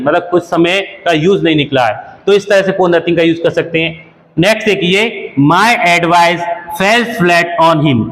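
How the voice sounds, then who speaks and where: A man teaching English to Hindi speakers, with an Indian English accent, slowly dictating English example sentences. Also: sits high, fairly bright tone. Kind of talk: spoken English lesson in Hindi. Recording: echoey room with long reverb.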